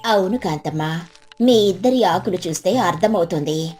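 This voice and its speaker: A woman's voice: on the low side, expressive, normal speed, dark tone, soft background music, pitched below the performer's own voice, natural voice. A woman voicing a sarcastic village elder's wife in a storybook tale.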